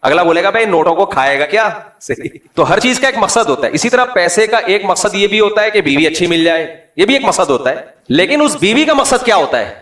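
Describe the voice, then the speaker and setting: A man's voice: sits high, big pitch swings, a bit bright, roomy sound, recorded from a distance. A man preaching to a live audience in a conversational, lightly joking way, full of rhetorical questions. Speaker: Islamic preacher. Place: lecture hall with an audience.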